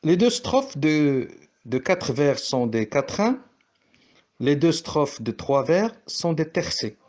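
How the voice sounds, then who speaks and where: A man's voice: on the high side, big pitch swings, takes it slowly, a little mellow. A man from Morocco teaching a French poetry lesson, explaining step by step and correcting himself as he goes.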